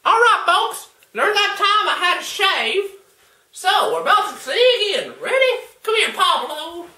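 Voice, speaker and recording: Young man putting on a squeaky, hammy cooking-show host Floyd. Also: very animated, unhurried, sharp tone, exaggerated voice. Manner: high squeaky put-on voice, hammy, drawls y'all and folks. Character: folksy, goofy male cooking-show host. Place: home kitchen, indoors. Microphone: camera across the room. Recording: echoey kitchen, far camera mic, faint noise.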